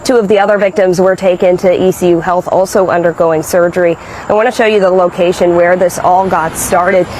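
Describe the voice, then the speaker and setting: A woman's voice: on the low side, steady tone, a little fast, hardly any pauses, a little mellow, a little hiss or hum, low-quality recording. Woman reporting live from outdoors. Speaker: TV news reporter.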